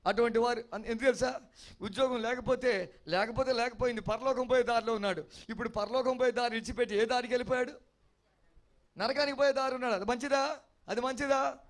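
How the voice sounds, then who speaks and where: A male pastor with a high-sitting voice preaches an expository sermon, using emphatic repeated refrains and frequently asking the congregation if they're following him.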